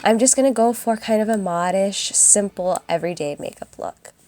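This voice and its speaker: A young woman with a raspy, hoarse voice from a cold, chatting casually through a makeup tutorial voice-over. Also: mid-range voice, normal speed, mellow, dry recording. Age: young adult. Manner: chatty and upbeat, addresses viewers as guys. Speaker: beauty vlogger. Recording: voice-over with faint music behind.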